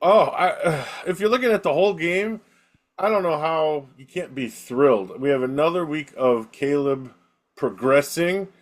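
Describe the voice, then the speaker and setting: A man co-hosting a sports podcast, playful and animated in casual chat. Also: fairly high pitch, measured pace. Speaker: podcast co-host.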